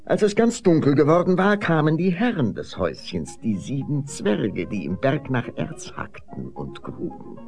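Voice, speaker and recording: A man reading a fairy tale aloud with expressive, sweeping storytelling. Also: on the high side, moderate pace, creaky, few pauses, faint music behind.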